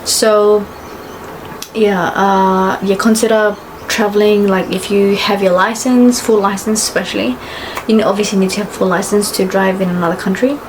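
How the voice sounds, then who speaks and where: Young woman from fiji vlogging, medium pitch, rambly with lots of ums and restarts, noisy background hum. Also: normal speed. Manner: rambling, full of fillers and self-corrections. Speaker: travel vlogger. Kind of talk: casual to-camera chat. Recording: steady background noise.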